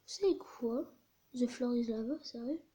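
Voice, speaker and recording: Woman host, casual chat, swears, high voice. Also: slow pace, mellow. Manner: chatty, swears, drops to whispers. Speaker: video host reading chat stories.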